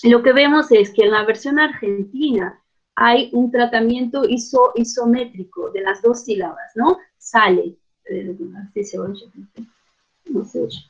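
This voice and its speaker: High-voiced woman lecturing, lo-fi sound. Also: a little slow. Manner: hesitant, frequent fillers and restarts; checks in with tag questions. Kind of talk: academic conference lecture.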